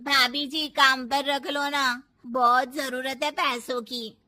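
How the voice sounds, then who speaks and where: A woman doing a loud, pleading housemaid. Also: sits high, little pitch movement, takes it slowly, heavily acted.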